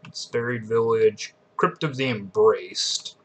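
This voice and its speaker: Slow-paced man doing game commentary. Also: heavy background noise. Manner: low-key, thinking aloud. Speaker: gaming host. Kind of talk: casual game commentary with dialogue read aloud. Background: loud game music.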